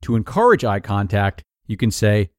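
A man narrating an article of numbered tips in a clear, even, scripted read-aloud delivery. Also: on the low side, moderate pace, dry recording, clean studio sound.

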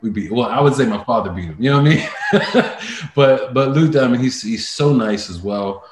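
A man, a voice-over artist and actor, telling stories as a guest in a casual interview, lively and laughing often, full of fillers and restarts. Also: mid-range voice, moderate pace, reverberant, background noise.

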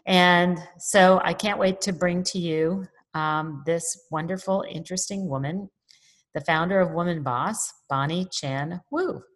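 Upbeat woman hosting a podcast, low-pitched. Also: measured pace. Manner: upbeat, effusive introductions. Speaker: podcast host. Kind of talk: podcast interview.

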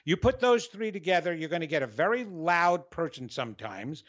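New York man, radio host, high voice, loud and dramatic, dull lo-fi sound. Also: moderate pace. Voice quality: animated, energetic and loud. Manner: dramatic, expressive, repeats and restarts. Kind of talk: solo talk monologue.

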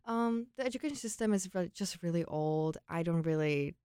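A woman's voice: fairly low pitch, animated, normal speed, warm tone, clean tone, no echo, clean studio sound. A young woman from the Czech Republic with a Czech accent, telling personal stories casually and informally as an interview guest. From Czech Republic, grew up in Prague. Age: young adult. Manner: informal, peppered with "like" and quoted thoughts. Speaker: interview guest, former exchange student.

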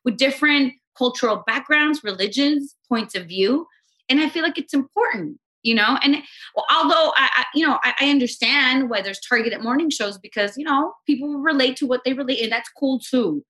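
A woman's voice: sits high, animated, moderate pace, sharp tone. A woman from Los Angeles, a radio co-host, chatting casually and emotionally as a podcast guest, full of "you know what I mean".

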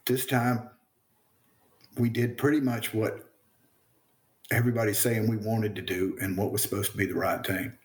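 A man's voice: lowish voice, fairly even intonation, moderate pace, pauses often. A man with a Southern American accent speaking earnestly as a podcast guest, often repeating words as he gathers his thoughts. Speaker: interview guest. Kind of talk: reflective conversation.

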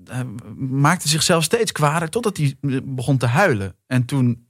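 A man's voice: medium pitch, lively intonation, unhurried, dry recording, studio quality. Man telling thoughtful anecdotes. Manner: thoughtful anecdotes, many fillers. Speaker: guest, actor and writer. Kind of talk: casual chat.

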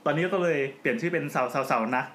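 A man's voice: a little high, very fast, fairly bright tone. A man hosting a podcast in casual chat, joking as he explains at length. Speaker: podcast host. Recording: roomy with faint background noise.

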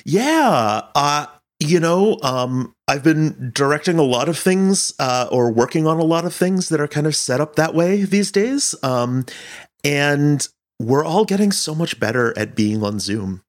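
With a voice on the high side and an animated manner, this audio fiction director talks casually in an interview. He's thoughtful, pausing and halting while he hunts for the right words.

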